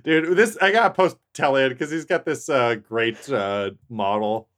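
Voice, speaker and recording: A man's voice: mid-range voice, unhurried, a bit bright. A man co-hosting a podcast, amused and laughing in a casual chat. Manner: drawling, amused, laughs often. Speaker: podcast co-host.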